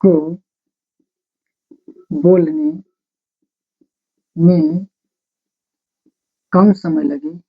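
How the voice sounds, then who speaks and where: A grammar teacher dictating notes slowly, repeating phrases word by word and asking questions before answering them. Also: medium pitch, steady tone, creaky, slightly rough. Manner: slow, repetitive dictation, breaking sentences into single words. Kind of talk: blackboard-style grammar lesson, dictating notes. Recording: dull lo-fi recording.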